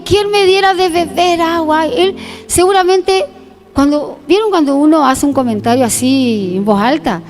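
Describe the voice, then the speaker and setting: A woman pastor preaching at a live church service, emphatic and acting out quotes, her voice sometimes breaking with emotion. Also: extremely high pitch. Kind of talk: sermon. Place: church sanctuary.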